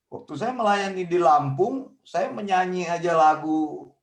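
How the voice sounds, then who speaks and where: Chatty high-voiced man on a roomy call. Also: lively intonation, unhurried. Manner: chatty, anecdotal, laughs often, acts out quoted people. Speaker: Bible teacher leading discussion. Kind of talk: casual storytelling in an online Bible discussion. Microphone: video call. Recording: roomy distant video-call audio.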